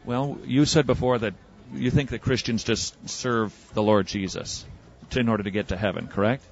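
A man debating religion on the street as an evangelist and radio host, pressing with quick probing questions. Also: mid-range voice, steady tone, creaky, lo-fi sound. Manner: probing, rapid-fire questioning. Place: outdoors on a city street.

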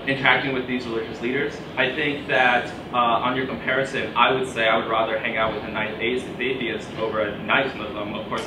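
A man's voice: mid-range voice, noisy background. A sick young man born in Australia, asking a hesitant audience question full of fillers. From born in Australia, raised in Shanghai. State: sick, coughing. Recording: echoey room, voice from far off.

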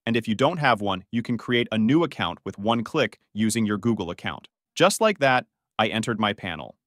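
Lively-voiced man narrating a tutorial. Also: fairly low pitch, a little fast, no room sound, studio quality. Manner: step-by-step, plain explanatory delivery. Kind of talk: screen-recording tutorial narration.

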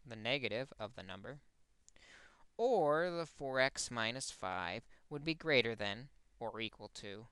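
A man's voice: medium pitch, lively intonation, a little slow, fairly bright tone, clean tone, no echo. A man teaching a recorded math lesson, explaining step by step and correcting his own slips.

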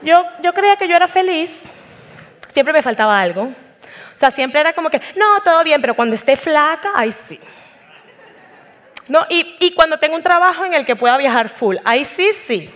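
A woman with a high, slightly bright voice and lively intonation speaks at a normal speed on an auditorium stage before a live audience. Her testimony talk is humorous, chatty and self-mocking, and she acts out the voices of the people she quotes.

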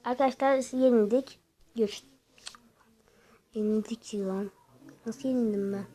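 A young woman giving casual gameplay commentary, talking straight to her viewers with frustrated, excitable outbursts. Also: on the high side, unhurried, noisy background.

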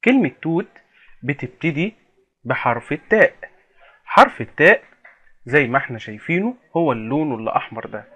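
A man's voice: medium pitch, lively intonation, pushed and bright, breathy edge. A man leading a children's reading lesson in a playful, questioning way, drawing out key words. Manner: playful, questioning, drawn-out emphasis for kids. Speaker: teacher.

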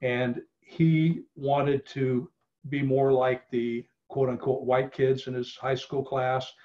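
A man's voice: medium pitch, level tone, slow, a little mellow. A middle-aged man giving a casual online presentation, with many fillers and restarts, speaking over a video call. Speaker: genealogy presenter. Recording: slightly dull video call audio.

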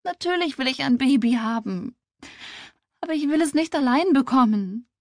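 Sobbing young woman in despair, high and tearful, read by a female narrator. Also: animated, moderate pace, no room sound, clean studio sound. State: crying.

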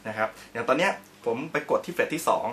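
A man with an expressive, mid-range voice and a quick pace teaches in a casual instructional video he films on his own camera. Chatty and polite, he explains each step while demonstrating on the guitar, with guitar playing in the background.

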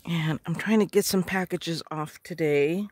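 A middle-aged woman with a slightly hoarse voice gushes over each craft supply she unwraps, often clearing her throat. Her voice sits a little low and she speaks slowly, lingering on her words. The sound is close and dry, with no room echo. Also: darkish tone. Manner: gushing, slow and murmuring. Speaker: craft vlogger. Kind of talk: casual unboxing chat.

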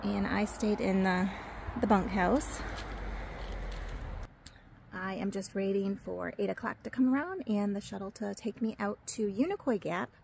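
With a noisy background behind her, a forty-something woman narrates her hike through mountain woods into a phone held at arm's length. Chatty and upbeat, she speaks unhurriedly in a mid-range voice with vocal fry, pausing often.

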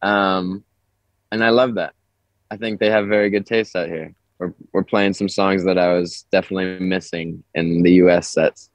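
A man, a young touring musician, talking over the phone in a relaxed, rambling way with lots of filler words. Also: sits low, moderate pace, no echo. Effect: heard over the phone. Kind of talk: casual phone interview. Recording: dry, muffled phone line.

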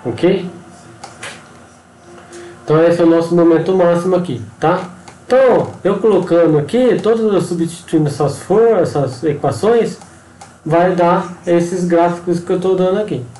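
A man with a Brazilian accent walks through a problem step by step, often stopping to check that the listener follows. His voice sits fairly high but sounds mellow and dark. The room adds a noticeable echo. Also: normal speed. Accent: Brazilian Portuguese. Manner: explanatory, frequent tag questions and pointing words. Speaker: engineering instructor. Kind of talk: screen-recorded tutorial walkthrough.

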